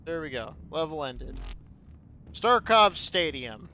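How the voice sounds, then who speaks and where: A man's voice: fairly high pitch, expressive, slow, bright, forceful tone, highs cut off, faint music behind. A young man streaming a shooter game, complaining and swearing as he plays. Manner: profane, complaining, sardonic. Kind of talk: casual gameplay commentary.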